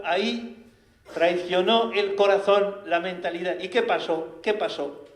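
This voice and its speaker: A man with a Spanish accent preaching a sermon, animated and full of rhetorical questions. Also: fairly high pitch. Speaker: priest. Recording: echoey room.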